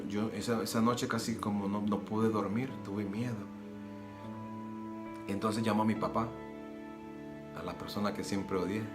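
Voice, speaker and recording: A man giving an earnest personal religious testimony, repeating phrases and acting out the dialogue as he retells it. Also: lowish voice. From Nicaragua. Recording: roomy echo with soft guitar music.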